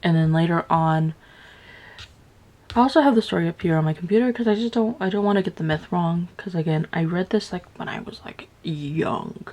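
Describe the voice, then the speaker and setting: A young woman casually retelling a story while building Legos, rambling with lots of filler words and high, playful voices for the characters. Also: fairly quick, darkish tone. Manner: rambling, filler-heavy, with "like" everywhere. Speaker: vlogger.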